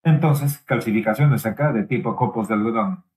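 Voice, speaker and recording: A man giving a simultaneous interpretation of a medical lecture, halting at times with pauses, fillers and restarts. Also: fairly low pitch, darkish tone, rough recording.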